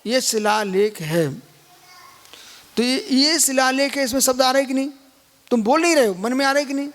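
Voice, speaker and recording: A man's voice: very high voice, normal speed, a bit bright. A man, a Jain monk, giving a live scripture lecture and keep prodding listeners with questions. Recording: long hall reverb.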